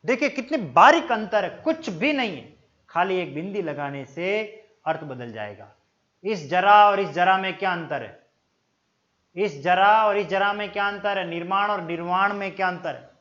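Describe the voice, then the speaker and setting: A man with a Rajasthani Hindi accent teaching an exam-prep Hindi grammar lesson, explaining slowly and repeating words to stress how they are pronounced, calling his viewers friends. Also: high voice, animated, pushed and bright. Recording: dull lo-fi sound.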